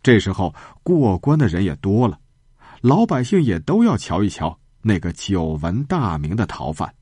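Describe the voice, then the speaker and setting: Low husky guy telling a kids story, voice swoops all over, dry close mic. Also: moderate pace, no room sound. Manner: animated, sweeping pitch. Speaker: children's storyteller. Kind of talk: storytelling podcast narration.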